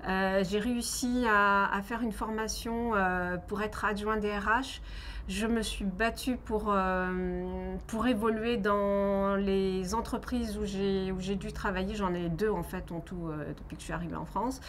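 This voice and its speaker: A woman's voice: mid-range voice, steady tone, unhurried, a bit bright. Woman from Algeria, earnest testimony, hesitant, fillers and restarts, faint background noise. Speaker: interviewee giving testimony. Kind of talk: personal testimony interview.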